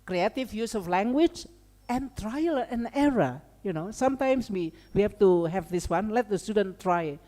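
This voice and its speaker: Speaking at medium pitch and normal speed, this Indonesian-accented woman sounds animated, with a dark tone. She's a seminar speaker and language educator giving an academic lecture, dropping informal asides and frequent "okay" and "right" check-ins. Long hall reverb surrounds her voice.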